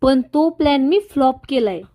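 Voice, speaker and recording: A woman's voice: moderate pace, close to an everyday voice. A woman doing a furious betrayed young woman. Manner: shouting accusations, high and sharp.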